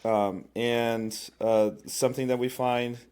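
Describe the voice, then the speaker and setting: Relaxed Brazilian-born man, violin professor. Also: medium pitch, slow, clear, resonant tone. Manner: relaxed, many fillers like "like" and "you know". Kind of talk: casual interview talk.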